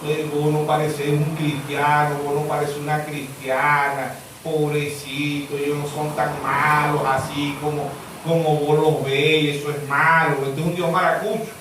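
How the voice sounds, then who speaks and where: A male pastor with a Zulian Venezuelan accent, preaching a sermon in which he swings from high shouted questions to low muttered asides. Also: little pitch movement, unhurried, background noise. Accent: Zulian Venezuelan Spanish. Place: church hall. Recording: echoey church hall, mic far off.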